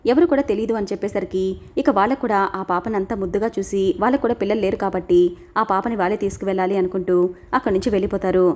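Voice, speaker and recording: A woman narrating a family drama, briskly acting out the dialogue as she tells it. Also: steady tone, darkish tone. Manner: quick, emotional storytelling, raising her pitch for quoted lines. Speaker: storyteller.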